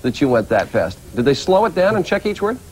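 A man's voice: a little high, big pitch swings, brisk, a little hiss or hum, rough recording. A man with an American accent presenting and interviewing as a morning news show host.

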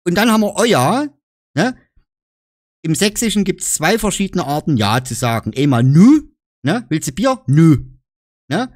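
A YouTuber with a Saxon German accent chats casually in a vlog, his high voice very animated at a moderate pace. He jokes around and explains dialect words, tagging on frequent "ne?", in clean studio sound with no room sound.

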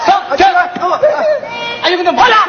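A man hosting a variety game show, loudly and excitably calling out rounds and instructions. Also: extremely high pitch, a little slow. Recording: dull roomy TV audio, noisy crowd.

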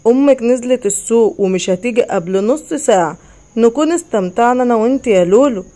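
Woman doing the creepy egyptian stepdad, sly and threatening, highish mellow voice. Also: lively intonation, fairly quick, natural voice. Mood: menacing. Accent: Egyptian Arabic. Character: menacing predatory middle-aged stepfather.

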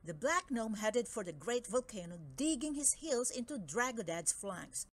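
A woman narrates a children's book aloud in an expressive storytelling style, her voice on the high side and her pace normal.

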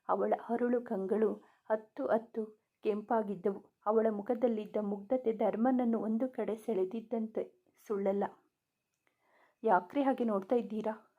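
A woman reads a romance story aloud in a plain narrating voice, slipping lightly into the dialogue. Her voice sits a little high. The sound is thin and tinny, as if heard down a phone line.

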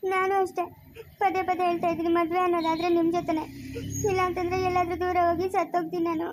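A woman's voice: sits high, little pitch movement, fast, a little hiss or hum, natural voice. A young woman playing a lovesick student who talks in a pleading, emotional way in a family skit. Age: young adult. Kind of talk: amateur family skit acting.

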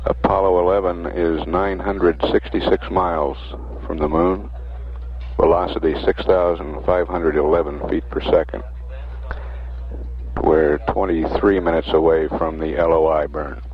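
A man giving mission control status announcements over an archival radio broadcast, steady and matter-of-fact as he reads out figures. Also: low voice, unhurried. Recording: muffled archival radio audio with faint hiss.

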